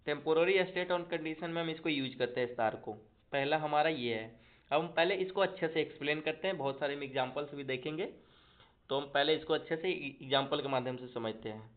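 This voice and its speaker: A man's voice: fairly high pitch, a little fast. A man teaching Spanish in a casual online lesson, drilling conjugations aloud and often checking in with his students. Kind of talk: online language lesson in Hindi. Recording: tinny phone-like audio.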